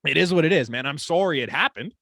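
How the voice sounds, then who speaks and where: A young man from Canada chats casually on a sports podcast. His pitch swings widely as he tells animated stories. The recording is dry and close to the mic. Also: fast, creaky, no echo. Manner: animated storytelling, swearing, lively pitch swings. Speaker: podcast co-host. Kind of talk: casual chat.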